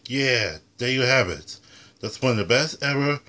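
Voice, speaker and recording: A man's voice: mid-range voice, animated, moderate pace, pushed and bright. A young adult man hosting a casual food review from his home kitchen, talking like a show announcer. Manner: announcer-like, refers to himself in third person.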